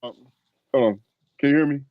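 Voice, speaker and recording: A man's voice: a little high, steady tone, a little fast, dry recording, narrow, tinny audio. Hesitant man on a video call. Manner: apologetic, hesitant, lots of fillers. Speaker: guest host. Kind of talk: casual chat on a video call.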